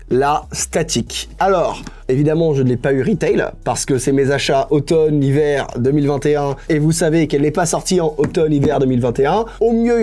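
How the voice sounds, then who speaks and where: A man's voice: fairly high pitch, warm tone. A young man talking casually in an unscripted vlog about his sneaker collection, enthusiastic and chatty, dropping English slang into his speech. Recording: music playing faintly behind.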